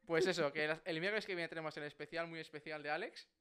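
A young man with a Spain accent hosting a casual chat in a jokey, animated way. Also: a little high, fast, clear, resonant tone. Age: young adult. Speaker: podcast host.

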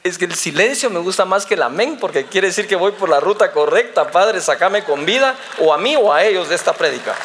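A male preacher, teasing his congregation and acting out scenes. His voice sits unusually high and swings widely, with a bright, forceful edge. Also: brisk, few pauses, slight background noise. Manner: lively, teasing, acts out dialogues. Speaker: pastor. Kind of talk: sermon.

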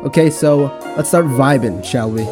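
A young man hosting a casual podcast on his own, talking in a relaxed, rambling way with frequent restarts. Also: mid-range voice, normal speed, music in the background. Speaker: podcast host. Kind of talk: casual solo podcast talk.

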